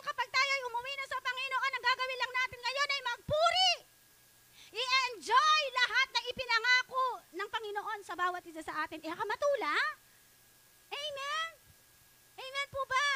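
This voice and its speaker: Bright high-voiced woman preaching. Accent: Filipino. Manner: calls for "Amen" and answers from the congregation; switches between English and a Philippine language. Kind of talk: sermon.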